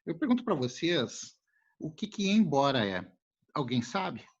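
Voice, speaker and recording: A male teacher from giving a casual classroom lesson, animated and jokey, speaking to his students as a group. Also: on the high side, a little slow, breathy edge. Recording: muffled lo-fi recording.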